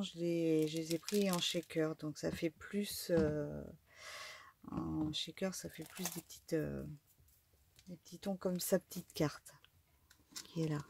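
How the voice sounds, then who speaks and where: A woman's voice: low-pitched, vocal fry, a little mellow, a little hiss or hum. A middle-aged woman casually talking through an unboxing of craft supplies, hesitant with many fillers and restarts. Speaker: craft vlogger.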